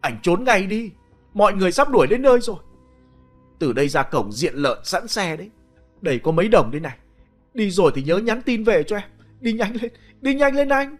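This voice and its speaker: A man's voice: sits high, sing-song, a little fast, faint music behind. A man voicing a desperate young village wife who is sobbing, wailing and pleading in a strained, raised voice.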